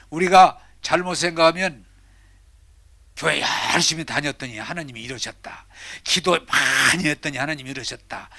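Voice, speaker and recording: An older pastor delivers a sermon with a bright, ringing voice in a dry, close sound. He swings dramatically from loud declarations to hushed whispers. His pitch sits a little high for a man. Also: no echo.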